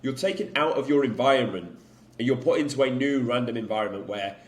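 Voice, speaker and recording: A man's voice: mid-range voice, animated, fast talker. A young man with a northern English accent, a fitness coach talking bluntly to camera and swearing often. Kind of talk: unedited talking-to-camera vlog. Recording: echoey room.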